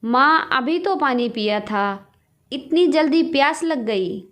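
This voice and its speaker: A woman's voice: sits high, lively intonation, slow pace, a bit bright, exaggerated voice. A woman voicing an impatient, short-tempered grown son in a storybook tale, complaining and irritable. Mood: irritated.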